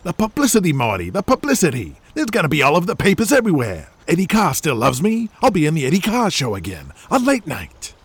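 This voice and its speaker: A man's voice: mid-range voice, big pitch swings, moderate pace, husky, no echo, pitched above the performer's own voice. A man voicing a brash, boastful washed-up male movie star with a swaggering wiseguy manner. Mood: scheming.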